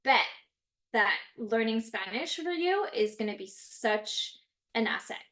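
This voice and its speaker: On the high side and unhurried, this woman is a Canadian actress whose first language is French. As a guest, she chats casually with lots of animation and expression, laughing frequently.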